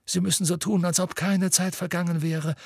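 A man voicing an old, wise wizard headmaster in an audiobook, earnest and measured. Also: sits high, level tone, gravelly, a little mellow, no echo, studio quality, pitched above the performer's own voice. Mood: urgent. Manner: earnest, measured, drops to a whisper. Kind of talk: audiobook reading.

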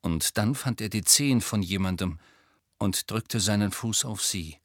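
A man narrating an audiobook in a measured, even storytelling voice. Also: fairly low pitch, dry recording, clean studio sound. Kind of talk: scripted narration.

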